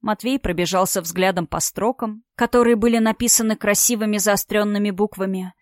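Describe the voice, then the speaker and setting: A woman narrating a dramatic audiobook story in an even, expressive storytelling voice. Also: medium pitch, a little fast, dry recording, clean studio sound.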